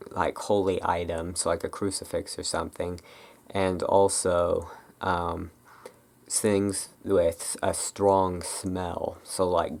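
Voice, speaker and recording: An ASMR video creator speaks in a low, slow, creaky voice, rambling unscripted about folklore. The delivery is relaxed, halting and musing.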